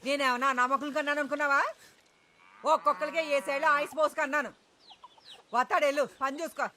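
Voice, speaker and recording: A woman's voice: high voice, fairly even intonation, fast, sharp tone, a little hiss or hum. An actress playing an older mother who firmly reassures someone who is crying, in a film drama. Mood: reassuring.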